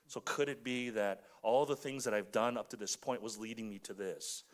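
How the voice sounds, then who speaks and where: A man's voice: on the low side, fairly even intonation, moderate pace. A man on a conference panel reflecting on his own story, listing things in short phrases. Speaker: panel guest.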